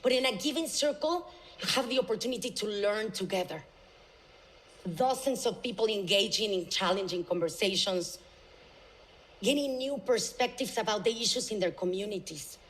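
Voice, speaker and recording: Woman giving a measured stage talk. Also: medium pitch, expressive, low-quality recording. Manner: measured, inspirational. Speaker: speaker.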